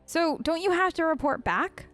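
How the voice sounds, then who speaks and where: Speaking at normal speed with very high pitch and lively intonation, this woman sounds a bit bright, with faint music behind her. As host of a role-play let's play, she offers casual in-character game commentary, earnest and playful.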